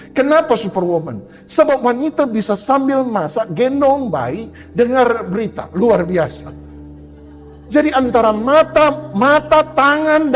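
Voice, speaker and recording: A man's voice: extremely high pitch, big-room sound. A male pastor preaching a humorous sermon, joking and acting out little quoted exchanges. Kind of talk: humorous sermon to a women's gathering. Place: church hall.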